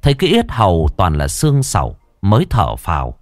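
Playful male comic storyteller, lively delivery. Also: sits low, a little fast, dry recording, faint music behind. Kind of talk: comic folk-tale narration.

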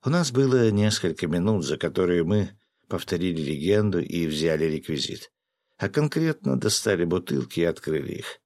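Male audiobook narrator, low and gravelly, lively and expressive reading. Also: normal speed, no room sound. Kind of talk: first-person audiobook narration.

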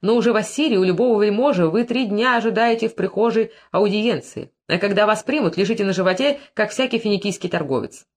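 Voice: mid-range voice, fast, few pauses, voice pushed up, lightly acted. A reader doing a sneering, haughty usurer. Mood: scornful. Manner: mocking, haughty. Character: sneering male usurer, scornful and touchy. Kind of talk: audiobook character reading.

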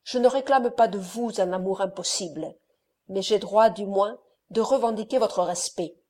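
A woman reading the part of a young wronged countess in an audiobook, with a firm, measured voice. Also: mid-range voice, darkish tone, lightly acted.

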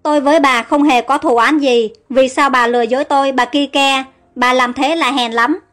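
A woman's voice: high-pitched, fairly even intonation, normal speed, fairly bright tone. A woman voicing an earnest young heroine in an audio storybook. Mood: alarmed. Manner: earnest, pleading. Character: young woman, trusting then frightened. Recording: faint music underneath.

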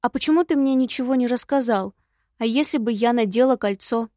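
A woman voicing a spirited young heroine in an audiobook, brisk and insistent. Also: fairly high pitch, dark tone, no room sound, studio quality, natural voice. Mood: pressing.

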